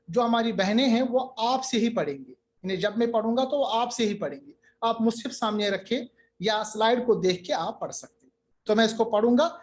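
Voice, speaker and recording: A male teacher giving a recitation lesson, explaining each rule patiently and step by step, with slow chanted examples. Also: high voice.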